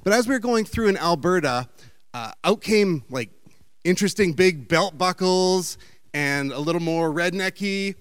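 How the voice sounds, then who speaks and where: A man's voice: high voice, animated, normal speed, fairly bright tone, clean tone, dry recording. A man giving a chatty, meandering storytelling talk with slides.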